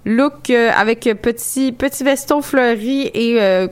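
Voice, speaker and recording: A woman's voice: fairly high pitch, a little slow, clear, resonant tone. A woman with a Quebec French accent, co-hosting a casual radio chat, talking in a chatty way with frequent hesitations. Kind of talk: casual on-air chat reviewing a music contest.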